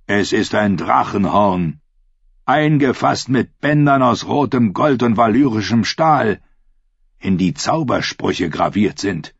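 A man voicing a cunning, commanding pirate king in an audiobook, speaking slow and low. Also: lively intonation, vocal fry, breathy edge, no room sound, lo-fi sound, exaggerated voice.

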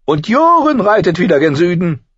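A man voicing a small, sharp-tongued nobleman with a raised, pinched voice. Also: sits high, big pitch swings, moderate pace, husky, dry recording, dull audio, voice pushed up, heavily acted. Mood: wry.

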